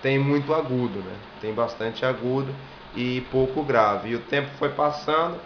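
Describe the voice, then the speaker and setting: Brazilian man teaching singing, echoey room. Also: normal speed. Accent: Brazilian Portuguese. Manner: explains step by step, demonstrates vowels and sings high examples. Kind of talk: video singing lesson. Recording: echoey room, dull lo-fi sound, faint hiss.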